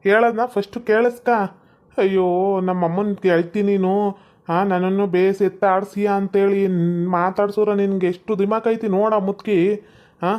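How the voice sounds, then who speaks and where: A woman's voice: mid-range voice, darkish tone, natural voice. A woman playing a short-tempered young husband in a comic family skit, with a North Karnataka Kannada accent and snappy, exasperated scolding.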